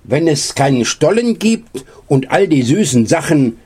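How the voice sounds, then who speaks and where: A man's voice: a little high, sing-song, a little slow, a little mellow, pitched above the performer's own voice, exaggerated voice. A man doing a grumbling, sweet-toothed bear. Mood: demanding. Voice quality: grumbling, husky. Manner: grumbling, demanding.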